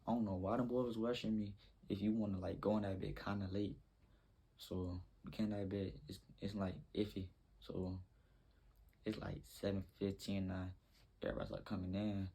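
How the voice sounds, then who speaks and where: A man's voice: sits low, level tone, moderate pace, mellow, husky. A young man telling a rambling, slangy story in a casual storytime vlog.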